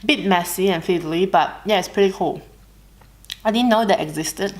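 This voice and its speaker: An Australian woman chatting casually while she eats, relaxed and unhurried, pausing between bites with soft hums. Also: mid-range voice. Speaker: mukbang vlogger. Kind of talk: casual chat while eating.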